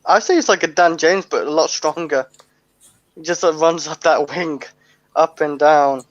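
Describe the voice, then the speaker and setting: Man, panelist, blunt, joking, higher voice, dry, dull audio. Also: moderate pace, no echo. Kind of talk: casual chat.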